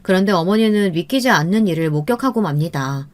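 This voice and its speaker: A woman in her fifties giving steady, plain scripted story narration in the first person. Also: fairly low pitch, quick pace.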